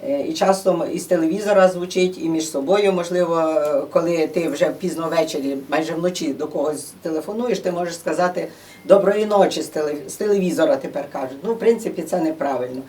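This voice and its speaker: A woman's voice: sits low, fast, warm tone. A woman giving an informal, chatty talk to an audience in a museum room, explaining things with many fillers. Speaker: presenter at a museum gathering. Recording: distant room microphone.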